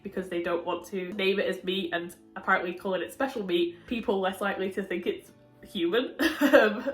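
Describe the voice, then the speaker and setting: A sick woman reviewing a book in casual chat, her voice muffled as if heard through a window, chatty and often laughing. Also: mid-range voice. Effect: muffled, as if talking through a window. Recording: echoey room.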